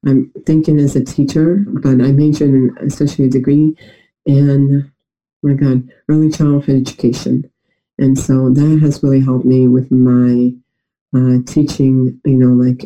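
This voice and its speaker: On a low-quality recording, a young man's medium-pitched, mellow voice comes through congested and nasal after a recent illness. He's an interview guest with a New York-like American accent, relating personal stories hesitantly.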